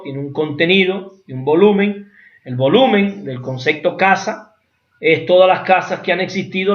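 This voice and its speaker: A man's voice: on the high side, fairly bright tone. A man giving an academic lecture, explaining patiently with rhetorical asides. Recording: echoey room, dull lo-fi sound.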